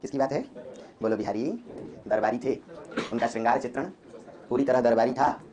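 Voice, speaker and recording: सवाल पूछता हुआ पुरुष हिंदी शिक्षक. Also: male voice, medium pitch. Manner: lively, quizzes students with quick questions. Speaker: Hindi literature teacher. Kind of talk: classroom lecture. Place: classroom.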